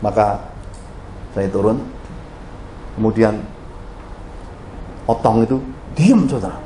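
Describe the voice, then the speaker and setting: A middle-aged pastor preaches a sermon in a church hall, his voice low-pitched and slow, telling animated stories and often turning to address his congregation directly. The roomy hall adds echo, and a little hiss or hum runs underneath.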